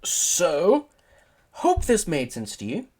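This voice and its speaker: Man, casual tutorial narrator, animated pitch, rambling, self-deprecating, voice tiring. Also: takes it slowly, husky. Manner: rambling, self-deprecating, voices his own inner questions. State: voice tiring and failing. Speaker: modding tutorial presenter. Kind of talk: casual screen-recorded tutorial.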